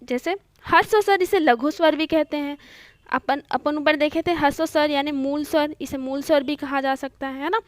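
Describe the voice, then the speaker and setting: A young woman with a high voice teaches an online Hindi grammar lesson, and the recording is close and dry. She explains patiently, often checking in with her listeners, and mixes English words into her Hindi. Her delivery is steady and repetitive, as in a classroom. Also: moderate pace, no room sound. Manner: patient, repeats points with frequent "theek hai" checks.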